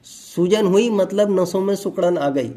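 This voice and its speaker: A man's voice: sits high, measured pace, warm tone. A man giving a motivational health talk, explaining with everyday examples and asides.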